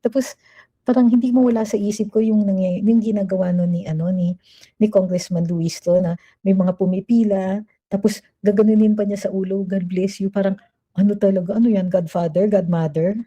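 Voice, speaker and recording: A woman's voice: medium pitch, steady tone, brisk, warm tone, husky. A woman giving chatty, emphatic livestream commentary as she reads out viewer comments, mixing Tagalog and English.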